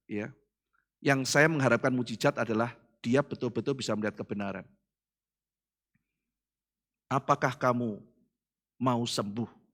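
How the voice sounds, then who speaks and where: A male pastor with an Indonesian accent preaching a sermon in a church, telling stories with acted dialogue and swinging between loud bursts and hushed asides. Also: mid-range voice. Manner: addresses congregation as "saudara".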